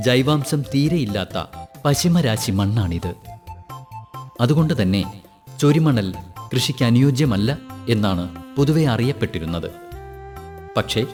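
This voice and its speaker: A man narrating a farm program in a measured, formal announcing manner. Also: mid-range voice, a little mellow. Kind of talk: scripted radio feature narration.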